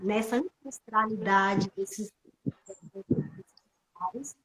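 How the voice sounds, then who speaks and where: A woman's voice: medium pitch, extremely slow, roomy sound, low-quality recording. A middle-aged woman from Pernambuco, a guest actress and theatre teacher, speaking reflectively in a live video call and often searching for her words. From Pernambuco, Brazil. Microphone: computer mic on a video call.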